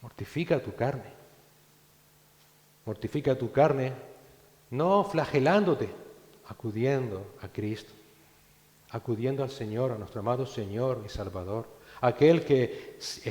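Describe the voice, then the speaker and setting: A man preaching a sermon as pastor, swinging between loud exhortation and hushed, low phrases. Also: measured pace. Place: church hall. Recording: echoey church hall with long reverb.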